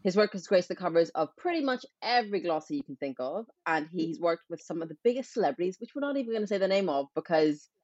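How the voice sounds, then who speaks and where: A woman reads a guest introduction in a measured, steady way. Her voice is low, and the sound is dry and slightly dull. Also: dry recording. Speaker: podcast co-host.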